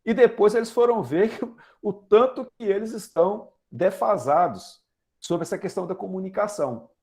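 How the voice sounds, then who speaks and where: Brazilian guy in his 40s preaching, high voice that jumps all over, chatty and asks the room stuff. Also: animated, normal speed, a little mellow. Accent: Brazilian Portuguese. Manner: chatty, asks the congregation questions, uses homely examples. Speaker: lay preacher. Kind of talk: conversational sermon.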